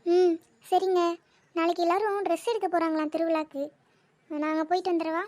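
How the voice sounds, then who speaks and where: Brief: fretful cartoon mum with three daughters, scolding tone, very high and light voice, a woman performing. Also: flat delivery, brisk, darkish tone, no echo. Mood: gentle. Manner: scolding, complaining. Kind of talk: animated cartoon voice acting.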